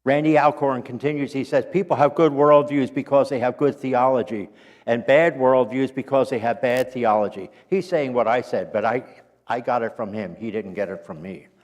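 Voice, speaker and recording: A man teaching a Sunday school class, reading quotations aloud in an earnest, unhurried way and stopping now and then to clear his throat or correct himself. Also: medium pitch, big-room sound, lo-fi sound. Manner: corrects himself mid-sentence. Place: church.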